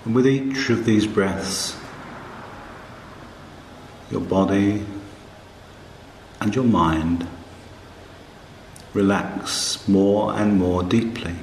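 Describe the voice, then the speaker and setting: A man narrating a guided meditation in a calm, hushed, soothing manner, with long pauses between short phrases. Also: fairly low pitch, echoey room, slight background noise.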